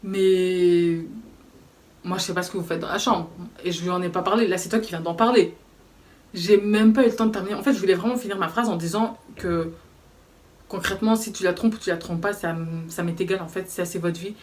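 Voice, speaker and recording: A young woman telling a story from her life in a casual, lively way, talking straight to her viewers. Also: mid-range voice, fast talker, recorded from a distance. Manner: lively, animated, conversational, addresses viewers directly. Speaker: vlogger.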